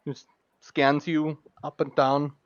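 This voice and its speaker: A man's voice: fairly high pitch, flat delivery, slow, clear, resonant tone, no echo. A man narrating a tabletop game as game master, rambling and hesitant with many fillers, on a dull lo-fi mic.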